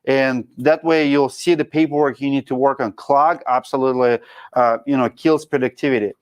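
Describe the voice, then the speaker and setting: Hosting a casual livestream and reading the live chat, a Russian-accented man in his thirties coaches viewers bluntly and frankly, often dropping articles. His mid-range voice holds a steady tone at normal speed.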